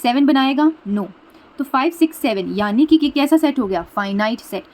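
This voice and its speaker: A woman's voice: high-pitched, expressive, moderate pace, low-quality recording. A woman teaching a maths lesson, explaining patiently, repeating key points and mixing English terms into her speech. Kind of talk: explaining a math lesson at a board.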